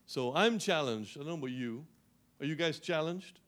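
Animated man preaching a sermon. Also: fairly high pitch, moderate pace. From Guyana. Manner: animated preaching with repeated restarts and rising emphasis. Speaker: pastor.

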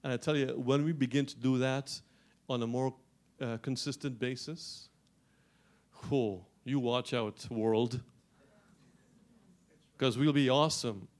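A middle-aged man from Guyana preaches to his congregation in an animated way. His voice sits at an everyday middle pitch, and he often restarts phrases before building to emphatic peaks. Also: unhurried, long pauses. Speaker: pastor. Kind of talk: sermon.

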